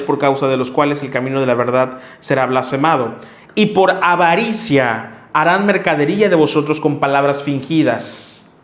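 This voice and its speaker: A man delivers a sermon, reading scripture and pressing his points directly on the listener. His voice sits fairly high for a man, and the room around him is reverberant. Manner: earnest, scolding, addresses listener directly. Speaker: preacher. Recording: echoey room.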